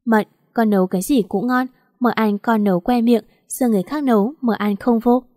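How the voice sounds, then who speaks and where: A soft-spoken young pregnant wife, put on by a woman reading a story, with a mellow, warm tone. The voice is close and dry, with no room around it. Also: on the high side, a little fast, dry recording, lightly acted. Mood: teasing. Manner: soft, playful, then weak and breathless.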